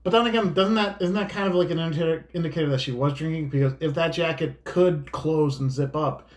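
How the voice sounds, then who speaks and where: A man's voice: fairly high pitch, fast talker. A man chatting informally as a co-commentator, raising questions and swearing now and then. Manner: informal, profane. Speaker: co-commentator who filmed the video. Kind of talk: casual chat, questioning. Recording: echoey room.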